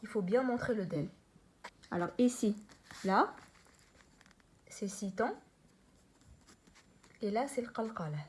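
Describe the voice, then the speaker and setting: This mid-range female voice belongs to a Quran reading teacher who patiently explains letters and says them slowly for learners. At times she chants the letters louder.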